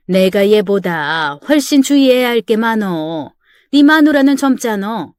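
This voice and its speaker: A woman's voice: fairly high pitch, dry recording, studio quality, lightly acted. A woman voicing a selfish, scolding middle-aged mother-in-law in a dramatized story reading. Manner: sharp, scolding, self-pitying.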